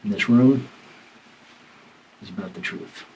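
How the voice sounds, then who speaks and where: A man, a police detective, speaking calmly and firmly during an interrogation, heard on an old interrogation tape. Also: mid-range voice, unhurried. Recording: distant mic, faint hiss in interrogation room.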